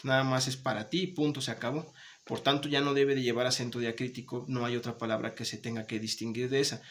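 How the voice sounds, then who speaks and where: A man's voice: mid-range voice, level tone, fast. A male teacher giving a remote class, explaining patiently, repeating points, checking in often and encouraging his students. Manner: warm, encouraging toward students.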